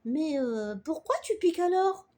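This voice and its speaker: A little girl squeals very high, words bouncing with excitement, as a woman acts her out. She is the younger sister in a storybook, quick to gasp and exclaim. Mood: puzzled.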